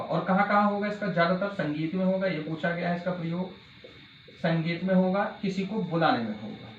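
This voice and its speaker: A male teacher giving an exam-prep grammar lesson, asking his students questions and repeating key words slowly. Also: on the high side. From India. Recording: dull, echoey room with faint hiss.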